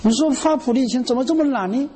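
A man's voice: very high voice, fast talker, warm tone, slightly rough, big-room sound. A man giving an earnest Buddhist sermon, often checking that listeners follow him. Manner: earnest, keeps asking "you know?". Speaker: Buddhist teacher.

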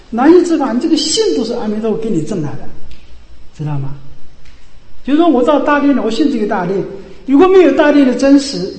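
A man giving a Buddhist sermon, often repeating rhetorical questions and dropping his voice for quiet asides. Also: high-pitched. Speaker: Buddhist teacher. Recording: echoey hall.

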